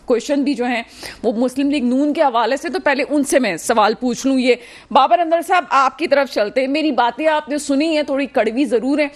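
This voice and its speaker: Young woman hosting a tv talk show, a bit higher voice, under the weather with a cold, asks questions slow and careful with lots of pauses. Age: young adult. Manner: measured, questioning, frequent hesitations. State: unwell with a cold. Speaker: news show host.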